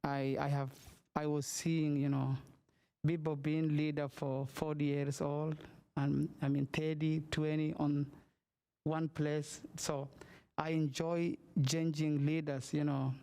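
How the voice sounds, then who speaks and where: A man from Somalia, chairing a meeting over a video call in halting, word-searching English. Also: a little high, little pitch movement, gravelly, warm tone, smooth. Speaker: commission chair.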